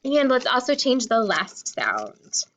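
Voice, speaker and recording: A woman teaching a remote phonics lesson to young children, sounding out letters and words slowly and clearly. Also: fairly high pitch, wildly swooping pitch, a bit bright. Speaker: kindergarten teacher.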